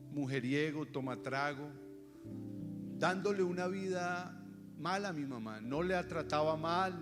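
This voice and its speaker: A man with a Colombian accent, a pastor telling a personal testimony in a sermon, earnest, sometimes hushed and sometimes fervent. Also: fairly high pitch. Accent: Colombian Spanish. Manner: earnest storytelling, dropping to hushed tones and rising to fervent shouts. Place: church service. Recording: reverberant hall with music underneath. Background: instrumental music.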